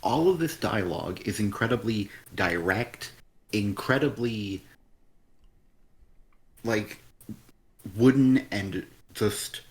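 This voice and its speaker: A man's voice: on the low side, animated, slow, long pauses. A man co-hosting a casual comic review chat, blunt and exasperated, swearing often. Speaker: podcast co-host.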